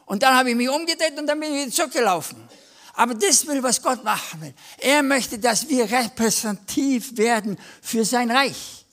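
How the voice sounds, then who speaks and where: A man's voice: very high-pitched, normal speed, a bit bright. A man preaching at a church service, telling everyday stories in a conversational way and acting out the voices of the people in them. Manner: storytelling, conversational, acts out quoted voices. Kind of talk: lively sermon with anecdotes.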